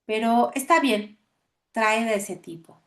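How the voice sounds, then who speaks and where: A woman's voice: a little high, slow pace, a bit bright. A woman reading the lines of an earnest man meeting his spiritual teachers, eager in tone.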